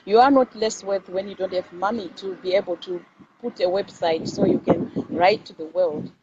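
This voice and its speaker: Speaking at normal speed with a medium pitch and fairly even intonation, a woman with a Zimbabwean accent hosts a live video motivational talk. Her informal delivery is emphatic and leans on repeated phrases, while the lo-fi audio sounds dull and carries clear background noise.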